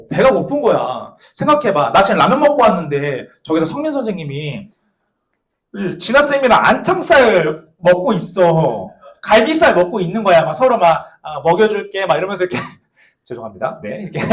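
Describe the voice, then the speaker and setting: A pastor in his thirties with a fairly high-pitched voice preaches a sermon in an echoey church hall. He tells a personal story in a playful, animated way, speaking straight to young listeners.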